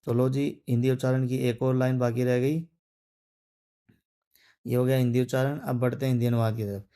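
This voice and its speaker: A man's voice: medium pitch, little pitch movement, normal speed, mellow, smooth. A male teacher, patiently guiding learners through a reading lesson and explaining in Hindi. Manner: patient and encouraging. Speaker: English teacher.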